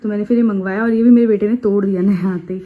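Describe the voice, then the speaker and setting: A woman's voice: medium pitch, fairly even intonation, rapid-fire, narrow, tinny audio. A woman in her thirties, a mother and vlogger, chatting homely and casual about her day. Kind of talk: casual vlog narration.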